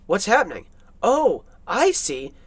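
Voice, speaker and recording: A wild-eyed asylum inmate, played by a man who blurts out quick, startled exclamations. The voice sits somewhat high and close to the mic, with no room sound around it. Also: huge pitch swings, husky, dry recording, full character voice. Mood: frantic.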